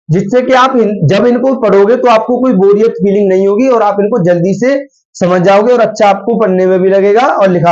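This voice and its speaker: A slightly hoarse man teaching the Hindi alphabet, asking questions and answering them himself while drawing out each syllable. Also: sits high, darkish tone. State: slightly hoarse from a sore throat. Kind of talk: slow spoken Hindi alphabet lesson. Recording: dull lo-fi recording.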